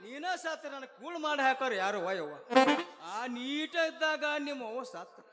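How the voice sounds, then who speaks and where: Stage comedy: a man as a fretful old dad, high and pleading, over loud live music. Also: expressive, a little fast. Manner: pleading, repeats endearments, loud stage delivery. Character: doting, pleading old father of a daughter. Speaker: stage actor.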